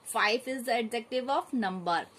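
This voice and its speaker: A woman teacher works through a grammar exercise in a steady, methodical way. She reads each item aloud, then names the answer. Her voice sits a little high and has a husky, breathy edge. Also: normal speed, poor audio. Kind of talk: grammar lesson, reading out answers.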